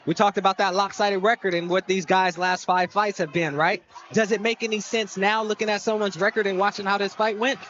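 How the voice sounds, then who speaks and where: A man doing casual live boxing commentary, excitable and streetwise, repeating phrases and tossing in coaching tips. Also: high voice, a little fast, hardly any pauses. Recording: muffled mic amid noisy fight crowd. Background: fight crowd.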